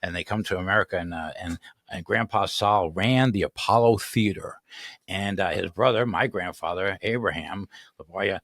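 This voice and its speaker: An older man with a low, fairly bright voice hosts a casual interview at normal speed in a small studio with a colorful backdrop, with no room sound. He rambles, repeats words and laughs often, speaking into a studio mic on an arm.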